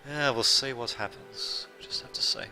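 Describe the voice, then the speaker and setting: Soft background music plays as a man with a steady, sharp, mid-range voice commentates on a strategy game at a moderate pace. He is from Serbia, raised in Australia, with a light Australian accent, and his casual commentary rambles and self-corrects, with chatty asides to viewers.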